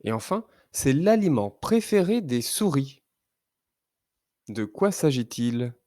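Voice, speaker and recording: A man teaching young children to read, sounding out syllables slowly and carefully. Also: medium pitch, big pitch swings, warm tone, dry recording, clean studio sound. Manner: slow, careful, drawn-out syllables. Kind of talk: slow reading lesson for young children.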